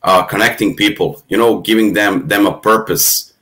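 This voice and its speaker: Deep-voiced Serbian man, halting. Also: fairly bright tone. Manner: thoughtful, halting, repeats words. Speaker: podcast guest. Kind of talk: casual conversation.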